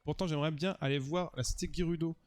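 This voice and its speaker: Un mec qui lit un jeune voyageur oiseau inquiet, lent, hésitant, voix un peu haute. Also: male voice, fairly high pitch, fairly even intonation, quick pace, a little mellow, close to an everyday voice. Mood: worried.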